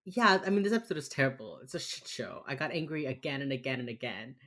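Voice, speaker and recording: An American woman with a Miami accent, co-hosting a casual podcast chat in an informal, sweary, halting way. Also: a bass voice, very animated, fairly bright tone. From United States. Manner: informal, sweary, halting with many filler phrases. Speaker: podcast co-host.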